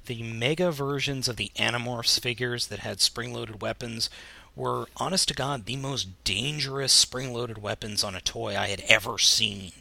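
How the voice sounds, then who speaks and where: American guy podcast host, slangy and emphatic, creaky bright voice, dry close sound. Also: mid-range voice, dry recording. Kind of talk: casual chat about toy news.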